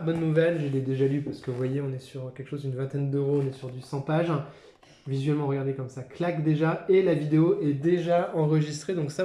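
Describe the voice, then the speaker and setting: A French man hosting a comics channel, chatting casually and enthusiastically about his new books, often pausing on fillers. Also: a little high, warm tone, reverberant. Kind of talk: casual haul vlog talk.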